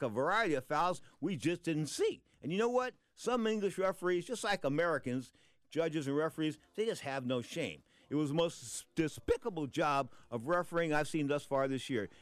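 A man's voice: fairly high pitch, no echo. A man hosting a sports talk show, giving punchy, opinionated boxing commentary in an emphatic way.

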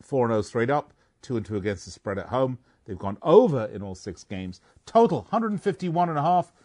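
Male betting-show host, mid pitch, joking, stat-heavy. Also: big pitch swings, brisk, darkish tone. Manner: jokey, rattles off stats. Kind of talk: casual sports betting talk.

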